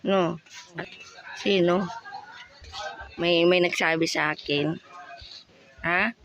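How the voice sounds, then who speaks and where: A man's voice: sits high, fairly even intonation, extremely slow, a bit bright, lo-fi sound. A man hosting a casual vlog, teasing and fussing over someone and firing off questions. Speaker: vlogger host.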